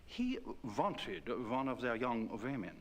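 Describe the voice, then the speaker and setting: A man voicing a solemn man in a point-and-click game who recounts a werewolf legend in a measured way. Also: medium pitch, big pitch swings. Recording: game audio with music behind.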